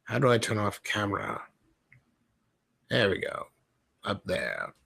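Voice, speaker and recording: A man's voice: lowish voice, wildly swooping pitch, a little slow, vocal fry, bright, forceful tone, breathy edge. A man from Ohio rambling jokily through a casual livestream in a put-on British-sounding accent. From Ohio, USA. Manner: rambling, self-deprecating, jokey. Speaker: livestream host. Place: dim room at home.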